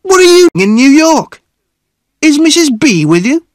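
A man reading a story, voicing a loud, jovial and pushy fat man with a hearty manner. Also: extremely high pitch, big pitch swings, unhurried, dry recording, clean studio sound, pitched above the performer's own voice, exaggerated voice. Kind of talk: audiobook character voice.

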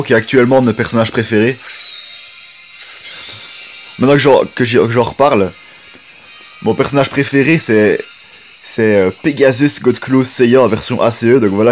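A man hosting a gameplay video, rambling and chatty in casual commentary. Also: medium pitch. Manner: rambling, chatty, frequent restarts. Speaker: gaming video host.

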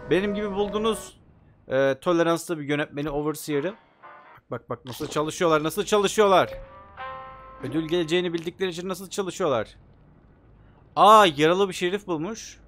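A young man playing a video game, commenting excitedly and joking as he talks to the characters on screen. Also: a little high, normal speed, long pauses, faint music behind. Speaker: gaming YouTuber. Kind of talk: let's play commentary.

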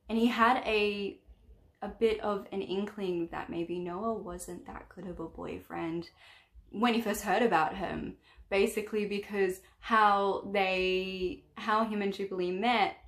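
A woman chatting about a book she read, rambling and often correcting herself. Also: medium pitch. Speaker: book vlogger. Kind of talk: casual book review. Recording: echoey room.

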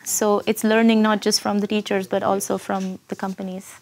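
A woman in her twenties from India, a design student, speaks unscripted in an interview with an Indian accent. Her voice is medium-pitched and creaky, with little pitch movement and a moderate pace. She's recorded on a lapel mic indoors in a busy classroom studio, with soft music in the background.

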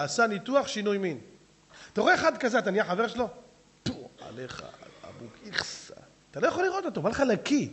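A male rabbi giving a lively sermon, speaking straight to his listeners and acting out characters. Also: sits high. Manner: animated preaching, acting out characters; addresses audience directly.

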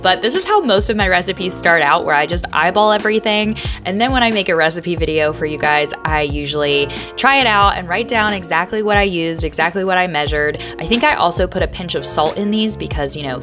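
Woman vlogger, upbeat and chatty, slightly low pitch, narrating over faint music. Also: animated, brisk, hardly any pauses. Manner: chatty, upbeat, uses many fillers. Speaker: lunch prep vlogger.

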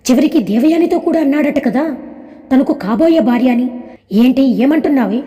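Angry storybook father, domineering and scolding, voiced by a woman reading the tale, dark mellow tone. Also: high-pitched, animated, moderate pace, in a large hall. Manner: scolding, threatening.

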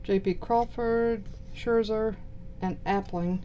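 A woman with a Southern US accent giving low-key, mumbled casual commentary while unboxing cards. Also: fairly even intonation, takes it slowly, dull audio, a little hiss or hum. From southern United States. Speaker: card box-break host. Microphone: purchased microphone.

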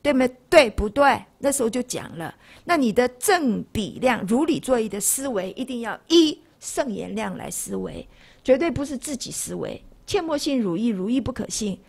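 This lay Buddhist lecturer from Taiwan, a woman in her sixties, gives a dharma talk to a class at an ordinary speed. Her fairly high voice has a gravelly fry and a husky edge. Lively throughout, she keeps turning to her students with rhetorical questions.

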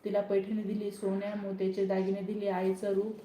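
A woman narrating a devotional story in a slow, steady reading. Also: mid-range voice. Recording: roomy echo, faint background noise.

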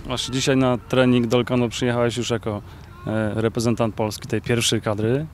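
A male sports reporter interviewing a player outdoors beside a pitch, asking long questions with filler sounds. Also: level tone, normal speed. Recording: faint outdoor noise.

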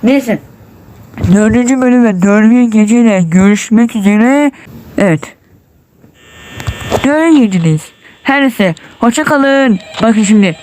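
A man's voice: sits high, unhurried, long pauses, a little mellow, slight background noise. Jumpy young man, nervous horror gameplay. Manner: tense, jumpy, muttering prayers and exclamations. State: sweating, nervous. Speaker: gamer. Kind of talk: horror game let's play commentary.

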